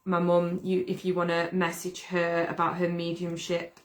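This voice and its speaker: A woman's voice: on the low side, moderate pace. A young woman from the UK, hosting a casual livestream, talking loosely with fillers as she wraps up. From United Kingdom. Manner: relaxed, fillers, promotional wrap-up. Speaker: livestream host.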